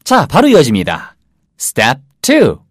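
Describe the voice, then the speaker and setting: A man with a Korean accent teaching English in a casual lesson, drilling phrases slowly and rhythmically. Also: mid-range voice, wildly swooping pitch, noisy background.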